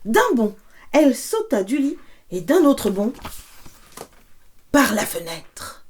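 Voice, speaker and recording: A woman storyteller reading a fairy tale aloud in an expressive, playful way. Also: fairly high pitch, slow, slight background noise.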